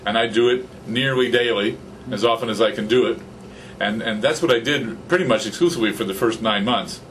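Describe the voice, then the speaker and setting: There's a little hiss or hum on this rough recording of a podcaster in his fifties talking a little fast in a mid-range voice. In a casual interview chat with a guest in a small office with computers, he speaks into a stand-mounted studio condenser mic in front, animated, gesturing a lot and getting excited.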